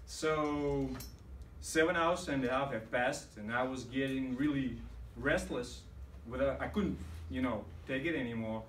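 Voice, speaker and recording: A man giving a storytelling speech at a club meeting, halting often with fillers. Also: mid-range voice, a bit bright, slight background noise. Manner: hesitant, many fillers. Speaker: club speaker. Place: meeting room. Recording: roomy hall, mic far off.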